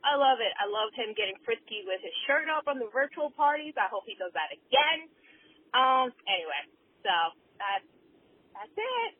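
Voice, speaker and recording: A woman leaving an excited, rambling voicemail for a show while driving. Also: on the high side, moderate pace, breathy edge. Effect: leaving a voicemail over the phone. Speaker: caller. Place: in a car, driving. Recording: tinny phone-line voicemail.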